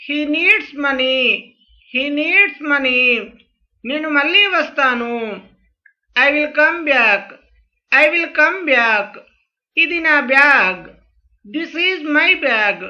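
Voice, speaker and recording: A woman reads short practice phrases as a language teacher, carefully saying each English line twice. Her voice is high and very sharp and bright. The recording sounds dull and lo-fi. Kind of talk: reading phrase drills.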